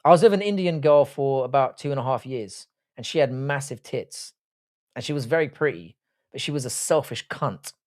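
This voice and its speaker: Hosting a live chat, a British man in his early forties answers comments as they arrive in a blunt, casual way. He's crude and jokey, packed with everyday slang, and speaks at normal speed with a middling, darkish, expressive voice.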